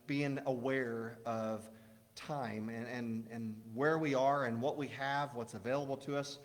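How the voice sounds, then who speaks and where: A man's voice: medium pitch, fairly even intonation, unhurried. A middle-aged man preaching a casual sermon, rambling with restarts and telling jokes. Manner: rambling, warm storytelling with restarts. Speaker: pastor. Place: church sanctuary. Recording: long church hall reverb.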